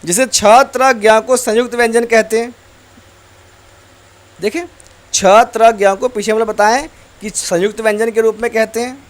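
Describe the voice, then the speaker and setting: A male teacher giving a slow, deliberate grammar lesson, reciting letters one by one. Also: high voice, fairly even intonation.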